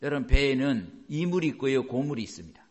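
Lively Korean male pastor preaching. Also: mid-range voice. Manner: reads scripture slowly, then explains in lively conversational asides to the congregation. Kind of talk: sermon.

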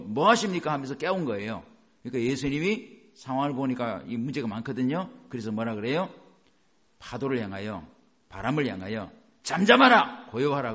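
A male pastor giving a sermon, reading scripture slowly and then explaining it in a chatty way to the congregation. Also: medium pitch.

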